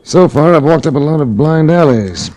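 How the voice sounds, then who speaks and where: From a restored old radio broadcast, an actor narrates a 1940s radio drama as a dry, sardonic, hard-boiled male insurance investigator acting as detective narrator. His voice is a little high, a little mellow and natural, expressive at a normal speed, with a wry mood and soft background music behind him.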